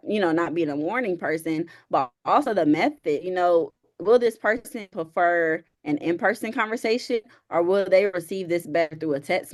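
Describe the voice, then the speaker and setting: A woman who works as a therapist and counselor, giving calm, measured advice step by step in a conversation. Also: lowish voice.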